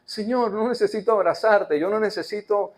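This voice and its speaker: A man's voice: sits high, moderate pace, pitched above the performer's own voice, natural voice. A man voicing a desperate, devout sick woman from the Bible, pleading and fervent as he acts out her words in a sermon.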